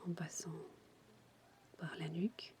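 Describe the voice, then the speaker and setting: A woman speaks in a close, intimate whisper, entirely breathy. She gives soothing relaxation instructions at a very slow pace with little melodic movement. A faint ambient noise sits behind her voice. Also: lowish voice, fairly even intonation. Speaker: relaxation guide for childbirth. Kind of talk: whispered ASMR guided relaxation.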